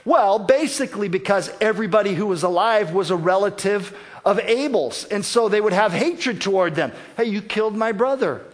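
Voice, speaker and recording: Earnest preacher with a higher voice. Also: male voice, expressive, moderate pace, hardly any pauses. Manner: earnest, repeats words while searching. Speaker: pastor. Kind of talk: sermon.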